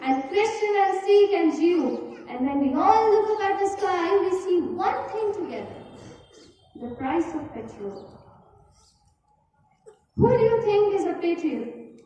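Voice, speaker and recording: A woman from India delivering a patriotic speech at a school event, emphatic and rhetorical with dramatic pauses. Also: extremely high pitch, lively intonation, dark tone, slight background noise. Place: large echoey school hall. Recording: echoey hall from far off, dull.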